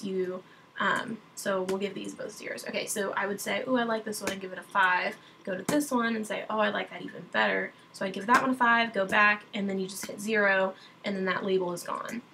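A woman's voice: mid-range voice, a bit bright, a little hiss or hum, rough recording. Chatty young woman giving a screen tutorial. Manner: chatty, many ums and restarts, self-correcting. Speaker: wedding photographer teaching software. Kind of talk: casual screen-recorded tutorial. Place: at her computer, screen recording.

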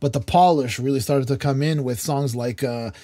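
A man's voice: mid-range voice, moderate pace, dark tone, dry recording. A man co-hosting a music podcast, talking casually and rambling, with many fillers and restarts. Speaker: podcast co-host. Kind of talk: casual roundtable chat.

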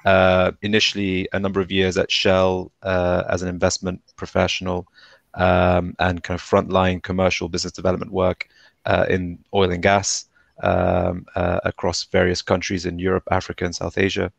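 A British man in his thirties with a very low, gravelly voice and a flat delivery. He speaks in a measured way with frequent "uh"s. He is heard through a headset mic on a video call, and the sound is dry. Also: no echo. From London, UK. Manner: measured, many filler uhs. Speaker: guest, energy advisor.

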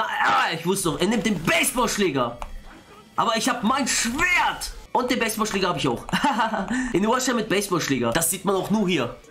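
A young man giving excitable let's-play commentary, quick to exclaim and swear as he plays. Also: high voice, a little hiss or hum. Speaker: gaming YouTuber.

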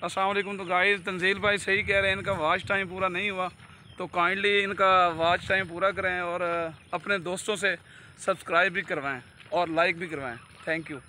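A man's voice: high-pitched, steady tone, a little fast, bright, forceful tone, slight background noise. A young man from Pakistan with a Punjabi accent, casually showing exercise steps outdoors on a phone camera, explaining plainly. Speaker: friend demonstrating exercises. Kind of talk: casual instructional vlog talk. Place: outdoors in a village field.

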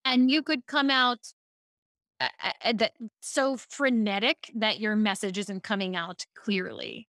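A middle-aged woman coach in a podcast interview, high-energy and fast in bursts, with restarts. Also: a bit bright, no room sound, studio quality. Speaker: speaking coach guest.

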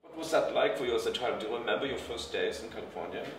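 A man's voice: medium pitch, fast, lightly acted. A middle-aged man playing a crude, pompous, easily irked TV interviewer in a comedy mock interview. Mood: smug, prying. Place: small room with a window, indoors. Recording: distant, echoey, noisy room recording.

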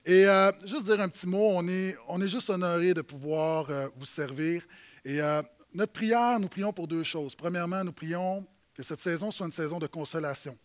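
A man with a Québécois accent, a church leader speaking to a congregation in a halting, warm way with many fillers. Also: high-pitched. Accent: Québécois French.

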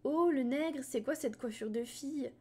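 A woman's voice: sits high, measured pace, mellow, breathy edge. A woman reading aloud, putting on the voice of a jeering teenage boy who bullies passers-by. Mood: mocking. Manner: taunting, sneering.

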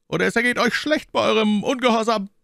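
A man's voice: sits high, quick pace, creaky, sharp tone, dry recording, studio quality, pitched above the performer's own voice, full character voice. A man doing an imperious cardinal. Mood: commanding. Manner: imperious, ringing, commanding. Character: commanding, cunning male cardinal, used to giving orders.

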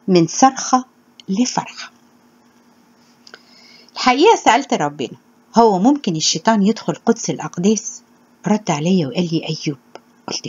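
A woman with an Egyptian Arabic accent preaches in an earnest, measured way, her voice a little husky and even in pitch. The recording is dull and lo-fi, its top end muffled. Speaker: religious teacher. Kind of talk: spoken sermon with scripture reading.

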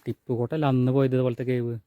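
A man's voice: medium pitch, little pitch movement, racing, clear, resonant tone, narrow, tinny audio. A man with a northern Kerala Malabar accent, chatting casually as an exploration vlogger and dropping English words into his Malayalam. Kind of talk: casual exploration vlog talk. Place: outdoors on a hill and in a cave.

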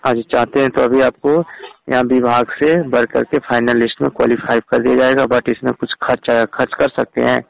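A caller pretending to be an official keeps pressing his case on a recorded phone line, sprinkling in English words as he delivers a sales-style pitch. He talks briskly in a gravelly, mid-range voice at a level tone, without echo.

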